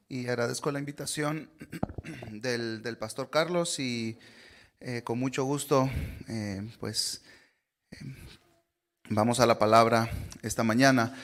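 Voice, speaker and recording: A man, preaching an earnest sermon as a guest speaker, often pausing on "eh" and checking in with "¿verdad?". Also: mid-range voice. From Honduras. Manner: earnest, frequent "eh" fillers and "¿verdad?" tag questions.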